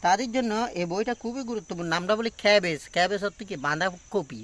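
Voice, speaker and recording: A man giving a casual pronunciation lesson on a phone front camera, talking slowly and repeating each word with many fillers. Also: high voice, fairly bright tone. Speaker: English pronunciation teacher. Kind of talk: casual self-recorded lesson.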